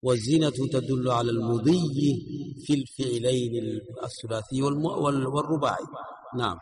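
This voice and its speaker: A man teaching a classical grammar text, repeating each phrase a student reads and then explaining it at a measured pace. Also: medium pitch, poor audio. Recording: recorded with crowd noise behind. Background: crowd noise.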